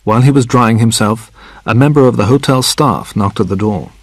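A man reading a storybook aloud slowly and clearly as a listening exercise for English learners. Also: mid-range voice, no echo. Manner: slow, clear, deliberate reading. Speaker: narrator.

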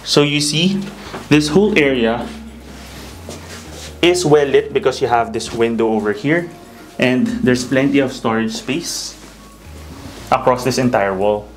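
This Filipino real estate broker in his thirties gives a polished walking tour of a bright, empty townhouse, showing off each room's features. His medium-pitched voice moves at a measured pace with long pauses, and faint music plays behind him.

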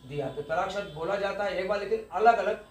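A man's voice: high voice, a little fast. Man teaching law in an echoey room. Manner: explanatory, repeats key terms, mixes English legal words. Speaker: law lecturer. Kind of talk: exam-focused law lecture.

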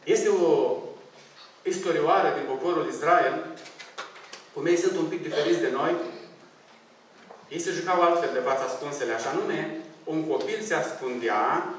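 Romanian pastor preaching, high voice, super echoey church, faint hum behind. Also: male voice, long pauses, recorded from a distance. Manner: storytelling, pleading and earnest. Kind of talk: sermon. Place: church hall.

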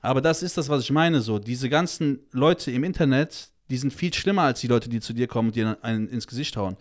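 Speaking briskly in a mid-range voice, this man is a child-protection activist guesting on a podcast. His casual talk is heated, emphatic, blunt and crude, packed with slang and curses, with "Alter" coming up again and again.

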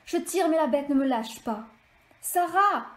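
A woman author reading an extract of her novel aloud in steady, measured storytelling. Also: high-pitched. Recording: echoey room.

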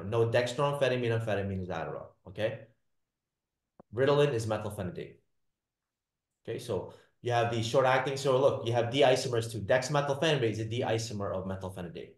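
In an echoey room, a lecturer with a fairly low voice teaches a class, repeating his points and checking in with students by asking "all right?" and "does that make sense?"

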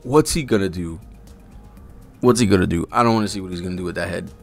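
Fast, low-pitched and darkish with vocal fry, this man in his thirties reacts live to manga, reading panels aloud in casual, slangy, profane commentary. Faint music plays behind him, and he uses a close desk-arm mic in a small indoor streaming setup.

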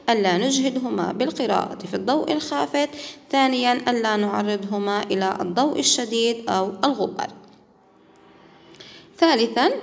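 A woman teacher explains a lesson to her students at an ordinary pitch. She is patient and says key words twice, slowly and clearly. A long reverb trails behind her voice, as if she is recording in a large hard room. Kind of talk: classroom lesson explaining exercises.

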